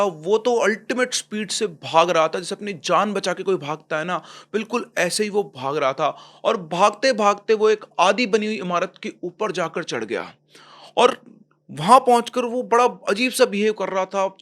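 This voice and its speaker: A man narrating a horror story in a tense, suspenseful way, dropping quiet at the scary parts. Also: high voice. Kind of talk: dramatic storytelling.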